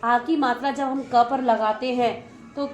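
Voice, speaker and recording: Woman, teacher, classroom lesson, patient prompting, high voice, echoey room with faint noise. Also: steady tone, a little slow. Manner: patient, prompting students with questions and praise. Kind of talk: classroom lesson on Hindi vowel signs.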